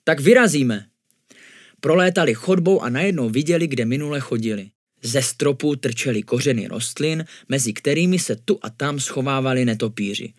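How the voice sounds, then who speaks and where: A man reading a spooky children's story aloud in a calm, even way, his voice sitting at an ordinary middle pitch. The recording is close and dry, with no echo around him. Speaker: narrator. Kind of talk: storybook narration.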